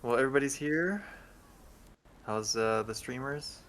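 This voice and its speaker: A man acting as game master in a casual tabletop session, laid-back and quick to laugh. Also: mid-range voice, fairly bright tone, slight background noise.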